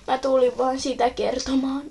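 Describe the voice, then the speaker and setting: A woman's voice: sits high, vocal fry, darkish tone, husky, exaggerated voice. A woman voicing a giggly, teasing teen girl pet toy in a homemade toy video. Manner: giggly, hesitant.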